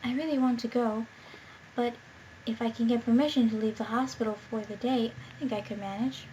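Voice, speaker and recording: A woman reading the lines of a gentle young male hospital patient in a visual novel, keeping her own voice and a calm, soft delivery. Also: on the high side, fairly quick, a little hiss or hum, natural voice, poor audio.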